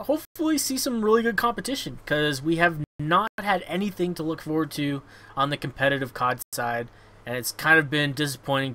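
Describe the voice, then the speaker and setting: A man's voice: medium pitch, pushed and bright. A man hosting a casual gaming podcast, blunt and sweary, often repeating words as he goes. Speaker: show host.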